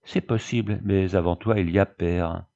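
A man reading as a firm, steady elder sister who speaks calmly and insistently. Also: low-pitched, normal speed, gravelly. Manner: calm, insistent. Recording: dull lo-fi audiobook recording.

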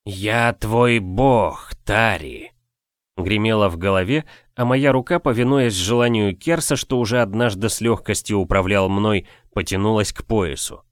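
Low-voiced male audiobook narrator. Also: moderate pace, few pauses, no room sound, studio quality. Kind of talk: first-person fantasy audiobook narration.

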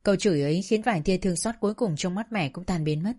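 A woman narrating a sad first-person story in a slow, sorrowful storytelling manner. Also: on the low side, warm tone, breathy edge.

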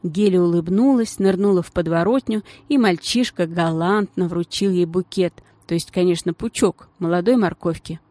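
Женщина с выразительной живой манерой читает вслух детскую повесть. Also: female voice, lowish voice, moderate pace, few pauses, mellow, no room sound. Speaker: audiobook reader. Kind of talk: storybook narration.

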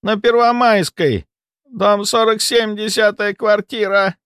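A man voicing a panicky old village woman who blurts and wails in a shrill voice. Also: fairly even intonation, slow pace, a bit bright, smooth, no echo, studio quality. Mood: blurting.

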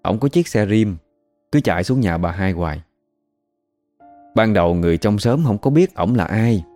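A man's voice: fairly low pitch, lively intonation, normal speed, a little mellow, soft background music. A man with a Southern Vietnamese accent narrating a village story in a chatty, gossipy way.

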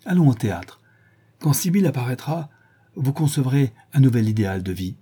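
A man's voice: medium pitch, sing-song, moderate pace, dark tone, breathy edge, pitched above the performer's own voice. A man voicing an earnest, ardent young man in a classic novel audiobook.

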